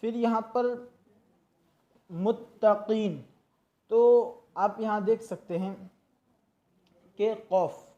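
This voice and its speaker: A teacher with a mellow, darkish voice walks through a Quran reading lesson, explaining each rule patiently. Syllables are stretched out slowly to show how they should sound. The recording is dull and lo-fi. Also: medium pitch, steady tone. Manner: patient and instructive, drawing out syllables to demonstrate. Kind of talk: tajweed lesson, explaining and slowly demonstrating recitation.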